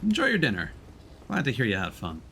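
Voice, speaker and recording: In casual, chatty stream talk, a man plays a video game and greets his chat viewers by name in a friendly way. He has a medium-pitched, a bit bright voice with wildly swooping pitch and a fairly quick pace, recorded with a little hiss or hum.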